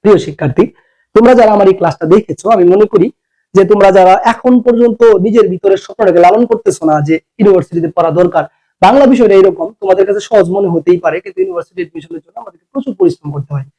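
A man's voice: high-pitched, expressive, very fast, mellow, poor audio. A man teaching an exam-prep lecture, coaxing students and repeating rules.

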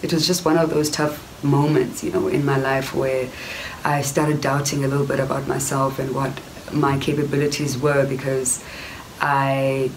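A young South African actress with a South African accent films herself at close range indoors, in front of wooden cupboards, casually telling her personal story to the camera. Reflective in tone, she keeps saying "you know," and her voice is extremely low-pitched. The recording is low quality with slight background noise.

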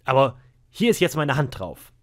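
A man's voice: mid-range voice, very animated, normal speed. A man voicing an earnest young sailor who presses his questions. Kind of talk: audiobook character voice.

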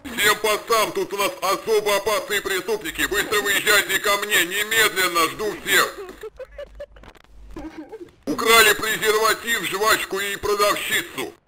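A man's voice: sits high, steady tone, a little slow, pitched above the performer's own voice, low-quality recording. A man voicing a crude, swearing cop who calls out urgent announcements over a police radio. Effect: police radio transmission. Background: music.

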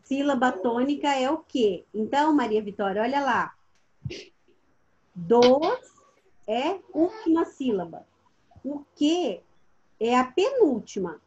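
A woman's voice: high-pitched, big pitch swings, normal speed, few pauses, a little mellow, dull audio, a little hiss or hum. A woman teaching a primary school class over a video call. She asks her pupils patient questions and calls on them by name. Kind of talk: online class instruction.

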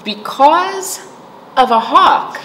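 Very slow and animated, her high voice carries a bit of brightness. This middle-aged woman is a children's librarian hosting virtual storytime, reading aloud and doing rhymes while she explains simply and checks in with the young children through questions. She sits in a small indoor library room, and the recording has echo plus background noise.

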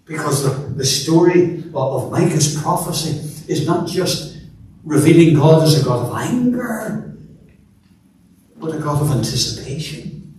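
A male minister preaching a sermon in earnest, repeating words as he builds emphasis, with touches of gentle storytelling humor. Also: fairly high pitch, animated, measured pace, slight background noise. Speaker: minister leading worship. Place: large church sanctuary. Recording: echoey church from a distance.

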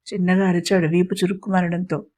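A woman narrates an audio story with a mellow, warm tone. Her delivery is steady and scripted. Between the narration she slips into small voice shifts for each character. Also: on the low side, fairly quick.

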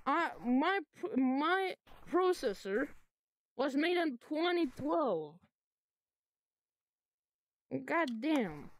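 A woman's voice: high voice, very animated, slow pace. A woman livestreaming and chatting casually, bragging and swearing while teasing a friend. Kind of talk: casual gaming stream chat.

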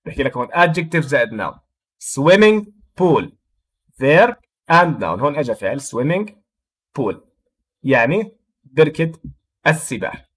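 Male teacher, Jordanian accent, slightly high pitch; slow deliberate English readings, quick Arabic explanation. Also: big pitch swings, slightly rough. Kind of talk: explaining a textbook lesson.

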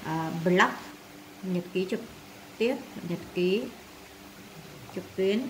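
A woman's voice: on the low side, extremely slow, slight background noise, poor audio. Woman teacher repeating vocabulary words. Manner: repeats each word, many filler sounds, translates terms one by one. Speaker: English teacher. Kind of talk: vocabulary lesson for students.

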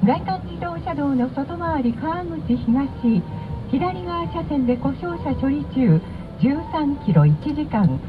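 A woman radio traffic announcer with a high, cute, anime-like voice, speaking in a radio broadcast style. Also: very animated, slow. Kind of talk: live radio traffic report and farewell cross-talk. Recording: tinny band-limited radio broadcast with music.

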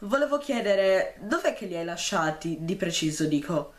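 A man's voice: sits high, big pitch swings, moderate pace, reverberant. A man reading a jittery, blustering teenage boy who complains in exasperation. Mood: exasperated.

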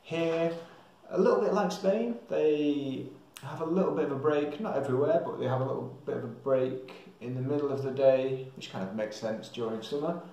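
A young Englishman rambles casually to camera like a travel vlogger, thinking aloud and hesitating. His mid-range voice is mellow, at a moderate pace with few pauses. He's in a small tiled room indoors, and the hard walls make it very echoey.

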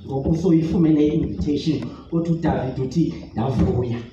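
A man preaching a sermon, in a measured delivery that mixes Xhosa with English phrases. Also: fairly high pitch, warm tone, highs cut off, a little hiss or hum. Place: large tent hall. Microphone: phone recording from the audience. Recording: echoey tent heard from far off.

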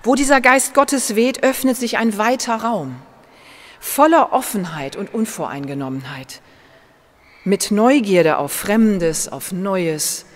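Slow-preaching woman pastor in a reverberant church. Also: medium pitch, expressive. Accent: German. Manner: slow, measured preaching with gentle emphasis. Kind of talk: sermon.

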